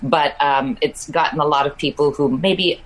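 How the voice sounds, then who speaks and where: A woman guest on a video call with a low, sultry voice, chatting in a laid-back, joking, rambling way. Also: steady tone, moderate pace. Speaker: comedian guest. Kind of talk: casual chat. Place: on a farm.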